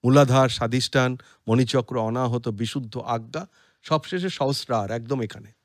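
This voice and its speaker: A man with a Bengali accent giving an explanatory spiritual talk, chanting Sanskrit verses slowly and deliberately. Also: medium pitch, dry recording, studio quality. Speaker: podcast speaker on scripture.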